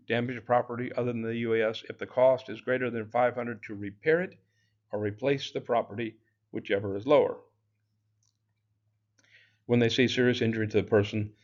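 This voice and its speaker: A man's voice: mid-range voice, darkish tone, muffled recording. A man teaching an exam-prep lecture in a loose, chatty way, full of fillers and asides. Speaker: drone exam instructor.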